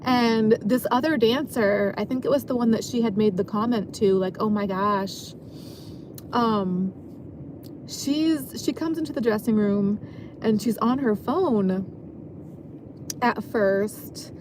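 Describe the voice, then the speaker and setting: A woman's voice: a little high, unhurried, noisy background. A woman who works as an exotic dancer, telling a story from her job in a rambling, casual way, full of filler words. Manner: rambling, many filler likes.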